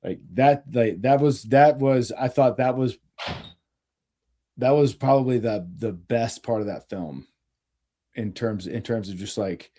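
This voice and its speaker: A man co-hosting a podcast in casual chat, rambling slowly with many fillers. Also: medium pitch, mellow. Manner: slow, rambling, lots of "like" and "dude". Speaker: podcast co-host.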